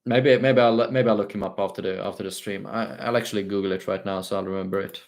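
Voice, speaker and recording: Young man, Swedish accent leaning British, low-ish voice, livestream Q&A, halting, many ums. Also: steady tone, gravelly. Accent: Swedish-tinged British English. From Sweden. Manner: hesitant, many fillers and restarts. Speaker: streamer answering viewer questions. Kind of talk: casual livestream Q&A.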